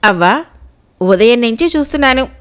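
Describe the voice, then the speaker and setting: A courteous, self-assured young prince from a spoken folk tale, read by a woman narrator. He talks gently and firmly, in a fairly high, light voice that dips only slightly for the role. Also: lively intonation, normal speed, smooth, natural voice. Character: young noble prince, calm and brave.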